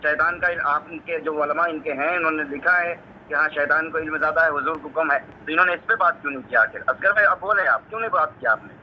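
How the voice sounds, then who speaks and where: A man's voice: a little high, quick pace, dull audio, a little hiss or hum. A man in a heated religious debate, pressing his opponent for direct answers. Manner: pressing, demands yes-or-no answers.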